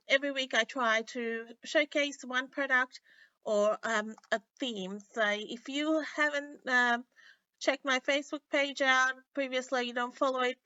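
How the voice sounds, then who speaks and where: A woman hosting a casual live craft tutorial, sounding nasal and a little sick, chatting in a halting way with many pauses. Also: fairly high pitch, sharp tone, clear, resonant tone, no room sound. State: under the weather with a stuffy, sick-sounding voice. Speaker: host of a weekly craft livestream. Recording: dull, lo-fi livestream audio.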